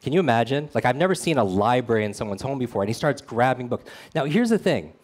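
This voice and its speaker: A man's voice: medium pitch, very animated, quick pace. A man giving a motivational storytelling talk at a meetup, earnest and speaking straight to the audience.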